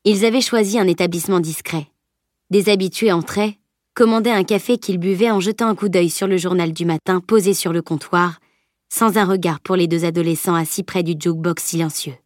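A woman narrating a novel as an audiobook, in an even, steady reading. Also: fairly low pitch, brisk, dry recording, clean studio sound. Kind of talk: scripted narration.

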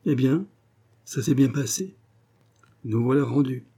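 A man voicing a suave, cocky gentleman burglar in an audiobook, brisk and commanding, with a mocking edge. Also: mid-range voice, expressive. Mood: smug genial. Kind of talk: audiobook character voice.

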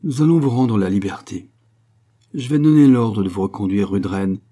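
A male narrator putting on a smooth, middle-aged doctor with a mellow, husky voice, speaking softly and caressingly, with a quietly insinuating edge. Storybook reading. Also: fairly low pitch, normal speed, close to an everyday voice. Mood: reassuring. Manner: soft, honeyed and caressing.

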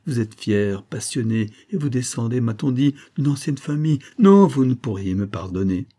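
A man's voice: lively intonation, normal speed, dark tone, close to an everyday voice. A man voicing a delirious, guilt-ridden sick woman in an audiobook, frantic and pleading. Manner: frantic, pleading, high and shrill. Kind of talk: audiobook character reading.

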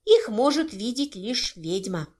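A woman reading an audiobook, voicing a gruff, weary male police officer who speaks curtly and sternly. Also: very high voice, very animated, unhurried, a little mellow, exaggerated voice. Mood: grim.

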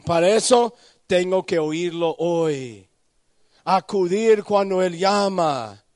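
A man preaching a sermon at a youth conference, asking listeners questions by name and swinging from quiet low warnings to high shouted pleas. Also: expressive, slow pace, no echo, clean studio sound. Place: conference hall.

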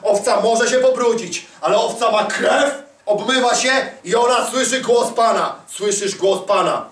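High-voiced man preaching in an echoey hall. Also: unhurried, fairly bright tone, far from the mic. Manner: emphatic, repeats lines and calls for answers. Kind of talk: charismatic sermon. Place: large hall at a church conference. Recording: echoey hall, voice away from mic.

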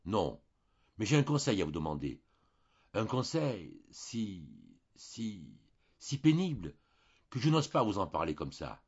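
A man's voice: on the low side, very animated, a little slow, long pauses, breathy edge, lo-fi sound, heavily acted. A man reading a timid, faltering young woman. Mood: hesitant. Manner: hesitant, faltering, soft-spoken.

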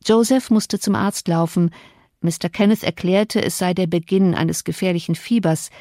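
A woman narrating an audiobook in an even, measured reading. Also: lowish voice, no room sound, studio quality. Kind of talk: scripted narration.

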